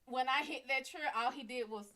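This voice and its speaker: A woman hosting a live stream, telling a story in casual, animated, profane talk and calling listeners honey and baby. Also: sits high, fairly quick. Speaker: psychic reader and live show host.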